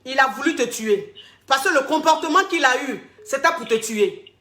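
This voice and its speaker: A woman's voice: high-pitched, animated, normal speed, sharp tone. Blunt scolding woman coach, echoey room. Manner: blunt, scolding, preachy advice with mocking insults. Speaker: relationship coach answering callers. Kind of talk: call-in advice show.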